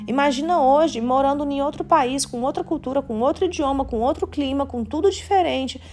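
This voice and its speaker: A woman's voice: high-pitched, a little fast, a little mellow, faint music behind. A Brazilian woman in her late twenties hosting a podcast, speaking in a candid, confessional and faith-centered way, with casual slang. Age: late 20s. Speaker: podcast host. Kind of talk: candid personal monologue.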